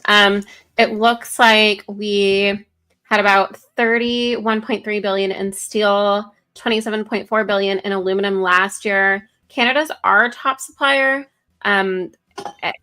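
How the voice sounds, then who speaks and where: Woman, co-host, bright tense voice, casual political chat, reads articles aloud, lots of ums. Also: mid-range voice, steady tone, slow, smooth. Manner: many "um" fillers, self-corrections while reading.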